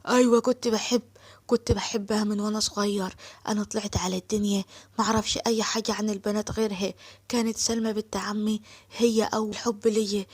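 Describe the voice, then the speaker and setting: A woman voicing a wealthy Egyptian gentleman, earnest and heartfelt, in her own natural voice with an Egyptian accent. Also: sits high, little pitch movement, fast, slightly rough. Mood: tender.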